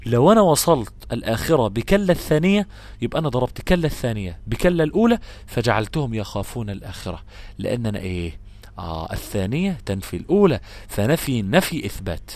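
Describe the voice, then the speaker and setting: A man with an Egyptian Arabic accent teaches Quran recitation, explaining patiently, repeating his examples and chanting verses slowly. His mid-range voice is sing-song and a little mellow.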